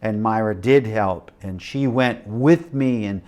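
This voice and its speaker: Middle-aged guy preaching, telling his story all dramatic, gets loud then real quiet. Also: on the low side, unhurried. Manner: animated storytelling with acted quotes and shifting loudness. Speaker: missionary preacher. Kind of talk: sermon storytelling.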